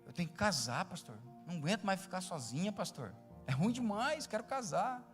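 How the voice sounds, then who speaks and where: A man's voice: high voice, very animated, brisk, in a large hall, faint music behind. A man voicing a pleading lonely woman. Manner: pleading, repeats "pastor".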